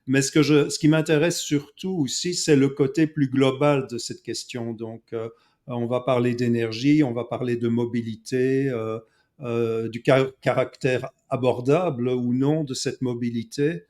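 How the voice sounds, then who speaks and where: Belgian-born guy hosting, steady and measured, lots of euh. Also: mid-range voice. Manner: measured, frequent "euh" and "donc". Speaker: host. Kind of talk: conversational interview.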